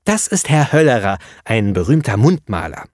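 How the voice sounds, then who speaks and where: A man's voice: lowish voice, very animated, moderate pace, darkish tone, no echo, studio quality. A man voicing a cheerful female kindergarten teacher who coaxes the children in a sing-song, raised voice. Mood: coaxing.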